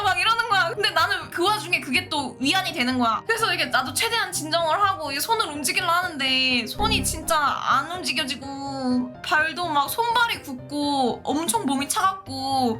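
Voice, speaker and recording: A young woman telling a story in a lively way, laughing often and acting out what other people said. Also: extremely high pitch, moderate pace, hardly any pauses, music in the background. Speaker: virtual streamer and illustrator. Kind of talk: animated storytelling vlog.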